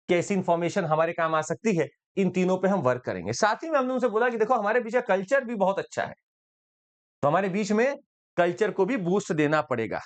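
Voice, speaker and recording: A male exam-prep teacher lecturing in a chatty, lively style, joking and slipping in English phrases. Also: high-pitched.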